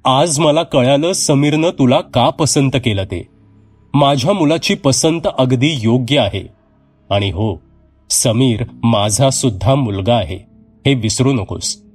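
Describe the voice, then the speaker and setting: A man's voice: medium pitch, slow pace, darkish tone, husky, soft background music. A man voicing an older village mother who speaks in a weary, tender way and breaks into alarmed cries.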